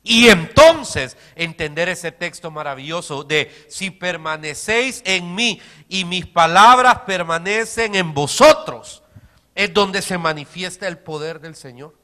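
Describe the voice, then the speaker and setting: A man preaches with a bright, ringing voice that sits a little high for a man. He moves from hushed, intimate asides to loud, repeated emphasis. The sermon keeps shifting in volume and drive. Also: animated, unhurried. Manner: dynamic preaching, swinging from soft to shouted emphasis. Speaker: pastor.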